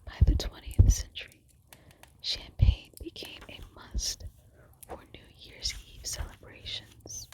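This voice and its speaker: Casting: female ASMR presenter, fully whispered librarian-style hush, unhurried, deliberate reading of facts. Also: poor audio. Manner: librarian-like hushed whisper, unvoiced.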